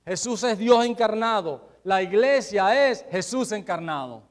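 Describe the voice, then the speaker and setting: Delivering his sermon a little slowly and with animation, a high-voiced pastor swings from forceful declarations to hushed asides, throwing rhetorical questions at his listeners.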